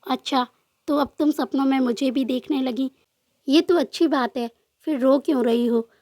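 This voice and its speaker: A woman voicing a calm young male officer who soothes and gently teases in a storybook love tale. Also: high-pitched, normal speed, no echo, clean studio sound, lightly acted. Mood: soothing. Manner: soft, reassuring, lightly joking. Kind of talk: storybook narration with voiced dialogue.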